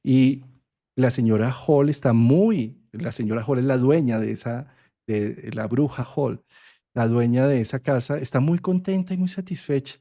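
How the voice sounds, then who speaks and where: A middle-aged man teaching a master class, telling a fairy tale in an animated way and checking in with listeners. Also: mid-range voice, normal speed. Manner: animated storyteller with tag questions. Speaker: astrology and psychology teacher. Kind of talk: master class storytelling lecture.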